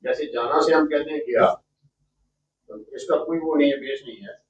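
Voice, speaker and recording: A man's voice: on the high side, moderate pace. A man in class joining the discussion, giving his own examples. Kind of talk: classroom question. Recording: distant, dull, echoey room recording.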